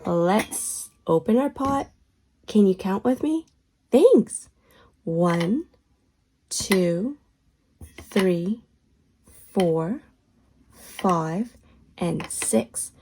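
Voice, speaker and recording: A woman's voice: on the low side, big pitch swings, drawn-out words, long pauses, dark tone, a little hiss or hum. A woman speaking as a kids show host in a children's counting lesson, encouraging her young audience with wide-eyed wonder and exclamations.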